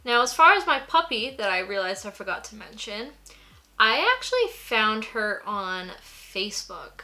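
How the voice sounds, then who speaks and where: Faint music plays behind a young woman vlogging while she applies makeup. Her mid-range voice swings widely in pitch, bright and forceful yet unhurried, and she gushes casually, leaning heavily on filler "like"s.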